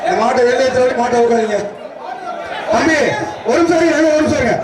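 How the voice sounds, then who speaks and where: This bull-taming announcer speaks fast at an extremely high pitch, his Tamil Nadu accent carrying through the loudspeaker as he yells repeated exclamations and commands to the crowd and handlers. Heard from afar in an echoing outdoor arena, he competes with a roaring crowd and general noise.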